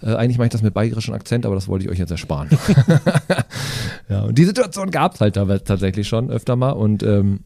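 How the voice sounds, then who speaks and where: Male comedian guest, low dark voice, chatty anecdotes full of fillers. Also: quick pace, creaky, no room sound. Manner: animated, many fillers, acts out voices. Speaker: guest, stand-up comedian and hairdresser. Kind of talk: comedic storytelling in conversation.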